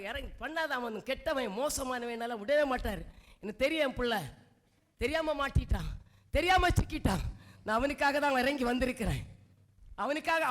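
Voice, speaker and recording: Fervent high-voiced woman preacher. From India. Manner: fervent, exhorting, swings between loud cries and low murmurs. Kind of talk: church sermon with congregation call-and-response.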